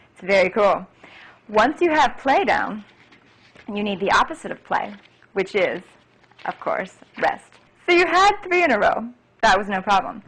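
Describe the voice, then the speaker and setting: Woman piano teacher, eager and chatty, a little breathy, mid-range voice. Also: mid-range voice, fairly bright tone, rough recording. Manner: enthusiastic, chatty, acts out child-friendly phrases. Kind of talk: instructional demonstration.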